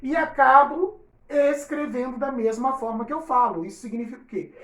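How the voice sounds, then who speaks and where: A woman teaching a recorded lesson to children, patiently repeating example words slowly. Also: high-pitched. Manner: addresses children directly. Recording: echoey room, voice from a distance.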